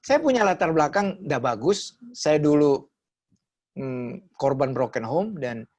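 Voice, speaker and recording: Man, pastor, sermon testimony, video call, storyteller voice, swings loud and soft. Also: mid-range voice. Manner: storytelling with acted quotes, shifting loud and soft.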